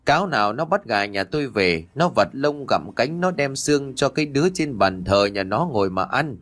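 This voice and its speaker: A man's voice: expressive, normal speed, a bit bright, lightly acted. A man doing a spiteful cursing village crone. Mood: defiant. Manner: shrill, spiteful ranting curses. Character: foul-mouthed old village woman cursing neighbors.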